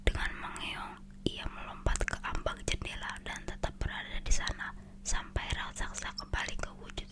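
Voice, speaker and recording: A storyteller with an Indonesian accent reads fairy tales aloud in a whispered ASMR style, now and then stumbling and correcting the words.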